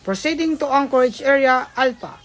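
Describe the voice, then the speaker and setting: A woman's voice: sits high, expressive, a little fast. A woman playing a ship's radio officer, making formal, procedural marine radio calls to port control in a school exercise. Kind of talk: scripted marine radio exchange.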